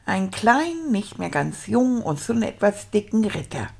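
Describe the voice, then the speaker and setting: A woman's voice: medium pitch, big pitch swings, normal speed, gravelly, a little mellow. A woman voicing an eager, childlike male character who stumbles through a storybook, sounding out hard words syllable by syllable. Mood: halting. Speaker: storyteller reading aloud. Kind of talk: children's show reading.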